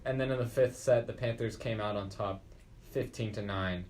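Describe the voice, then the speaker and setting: A man's voice: mid-range voice, moderate pace, a little mellow. A teenage boy co-hosting a casual school podcast, reading sports scores and joking around with his co-host.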